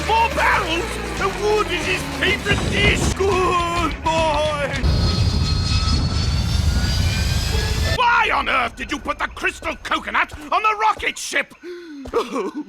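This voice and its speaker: An actor playing a pompous, scheming, hot-tempered crocodile king in a cartoon, with a gravelly voice and melodramatic delivery. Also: very high voice, exaggerated voice. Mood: outraged, bellowing. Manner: pompous, melodramatic, bellowing then silky. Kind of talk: theatrical cartoon villain acting. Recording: cartoon soundtrack with loud music.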